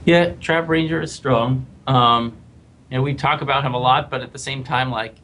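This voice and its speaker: A man, a game developer, thinking aloud in a casual podcast panel discussion, often pausing and restarting. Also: medium pitch, fairly even intonation, a bit bright, a little hiss or hum. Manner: hesitant, many fillers and restarts.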